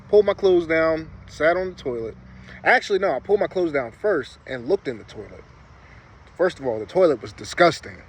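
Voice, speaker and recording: A man vlogging in a laid-back, rambling storytelling style, his words slightly muffled by a lip packed with chewing tobacco. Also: fairly high pitch. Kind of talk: casual storytelling chat to camera. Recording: clear background noise, vehicle ambience.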